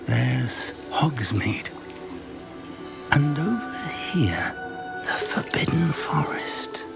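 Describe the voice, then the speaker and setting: An older, scholarly professor in a video game. He speaks slowly with lively swings in pitch, earnest and courteous, over clearly audible music. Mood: awed. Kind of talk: scripted game dialogue.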